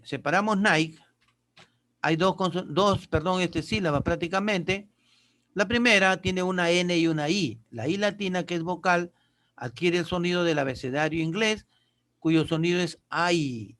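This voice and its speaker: A man's voice: sits high, a bit bright. A male teacher giving a patient, explanatory lesson, often asking questions and answering them himself, with short check-in questions. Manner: patient, asks and answers his own questions.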